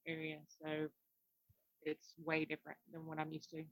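Soft Southern woman with a folksy country drawl. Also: deep voice, completely flat delivery, normal speed, dry recording. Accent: Southern US, rural Carolina. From North Carolina, US. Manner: nervous, hesitant. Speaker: guest calling in to a live show. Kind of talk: casual chat.

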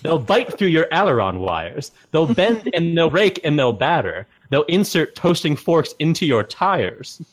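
A man's voice: fairly high pitch, very animated, a little slow, hardly any pauses. A man putting on a pompous transatlantic airman. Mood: theatrical. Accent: put-on transatlantic. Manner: theatrical sing-song recitation. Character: pompous old-fashioned male air force officer reciting verse.

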